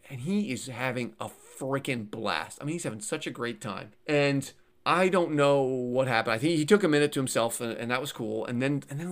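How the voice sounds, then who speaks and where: A man speaking as a podcast guest, with a lively voice whose pitch rises and falls widely as he tells stories. He talks earnestly and conversationally, restarts his sentences often, repeats words and laughs lightly as he goes. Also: gravelly. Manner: laughs lightly while talking. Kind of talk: casual conversational interview.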